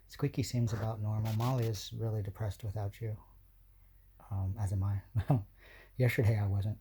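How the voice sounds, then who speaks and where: A man leaves a personal video message for his partner, near tears and rambling. He talks haltingly, with nervous little laughs and many restarts. His voice sits low and husky, with a soft, mellow tone.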